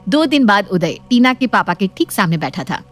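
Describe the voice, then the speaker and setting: Rich: A woman telling a children's bedtime story in a steady, scripted narration. Her voice is mid-pitched, with music playing faintly beneath. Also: moderate pace.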